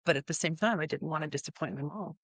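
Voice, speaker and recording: A woman speaking as a guest therapist on a talk show, reflective and halting, restarting her sentences as she works through her thoughts. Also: deep voice, slightly rough, no room sound. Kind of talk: casual chat.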